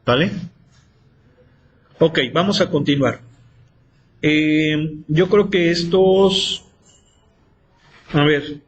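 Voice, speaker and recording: A man teaching math in a classroom, quizzing students with repeated questions. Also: on the high side. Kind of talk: classroom lecture.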